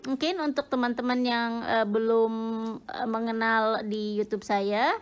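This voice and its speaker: A woman's voice: fairly high pitch, level tone, unhurried, clear, resonant tone. A middle-aged woman from Indonesia chatting casually with lots of fillers and giggles while cooking in her home kitchen for her vlog. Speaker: cooking vlogger.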